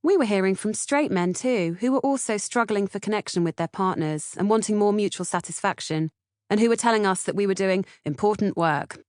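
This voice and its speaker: This is a woman with a British accent, an author-narrator and podcast co-host, reading scripted audiobook narration. Her voice sits at a medium pitch with a darkish tone, and she reads a little fast. The recording is clean studio sound with no room sound.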